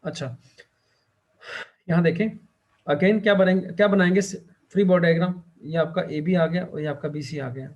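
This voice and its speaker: A male teacher lecturing a class, who keeps asking the students questions and fills his pauses with the same short check-in phrase. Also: on the high side, lo-fi sound. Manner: quizzes students and fills pauses with "theek hai".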